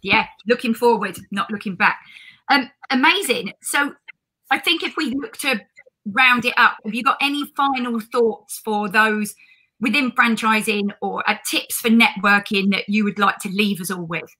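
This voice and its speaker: Bright, enthusiastic woman host. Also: on the high side, moderate pace, poor audio. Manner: enthusiastic, keeps saying amazing. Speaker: interview host. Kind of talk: upbeat interview hosting. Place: live online broadcast.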